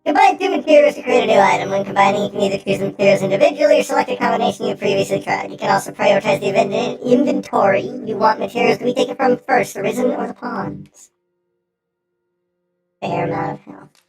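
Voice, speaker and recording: A woman's voice: medium pitch, lively intonation, fast talker. A woman game streamer giving casual commentary as she plays and reads game text aloud. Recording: echoey room, faint game music behind.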